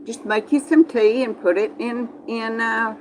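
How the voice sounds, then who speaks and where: On a rough recording with slight background noise, a livestream host from Texas, in the southern US, talks casually to live viewers in a meandering, folksy style, often repeating herself. She has a Texas Southern accent, a voice on the high side, fairly even intonation and a somewhat slow pace.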